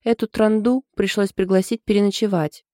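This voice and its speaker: A woman's voice: medium pitch, fairly even intonation, normal speed, mellow, dry recording, clean studio sound, voice pushed up, lightly acted. A woman voicing a wry, sour-tongued young woman friend in an audiobook.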